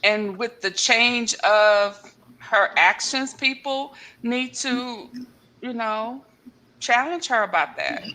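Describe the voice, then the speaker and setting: A woman speaks in a casual live-stream discussion. Her voice sits a little on the high side. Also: slow pace, bright, forceful tone, poor audio.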